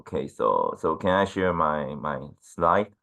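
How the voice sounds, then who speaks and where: A man, a Mandarin speaker, presenting informally and haltingly on an online call. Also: a bass voice, expressive, gravelly, pushed and bright. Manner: hesitant, halting English. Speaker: guest team leader speaker.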